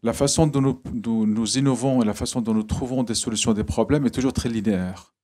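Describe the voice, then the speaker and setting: A man in giving a public talk to an audience, halting and often repeating words. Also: mid-range voice, dark tone. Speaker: guest speaker.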